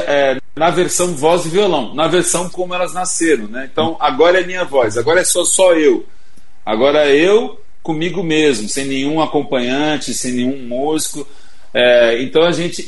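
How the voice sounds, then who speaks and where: A middle-aged Brazilian singer-songwriter appears as a guest on a casual livestream interview, reflecting on his life story. His voice sits at a medium pitch.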